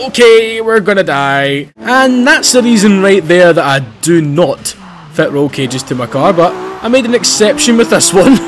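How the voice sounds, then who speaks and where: Excitable Scottish man over roaring engines. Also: sits high. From Scotland. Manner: excitable, swears freely, loud outbursts and laughs while driving. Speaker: gaming channel host. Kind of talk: casual gameplay commentary. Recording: loud game engine and tire noise behind voice. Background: racing game car engines and tire squeal.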